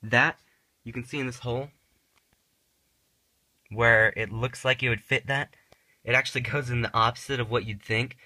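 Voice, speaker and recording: A man giving a casual unboxing and setup tutorial, excitable and chatty, often poking fun at himself. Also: medium pitch, normal speed, long pauses. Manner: excitable, chatty, self-mocking. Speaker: gaming YouTuber.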